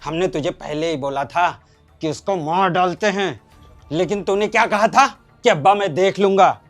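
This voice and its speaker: Guy doing a high-pitched angry preachy cleric dad, faint music behind. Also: normal speed, close to an everyday voice. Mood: furious. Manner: forceful, preachy. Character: hardline male cleric father, scheming and angry. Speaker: actor in a short drama. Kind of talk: Hindi short-film acting.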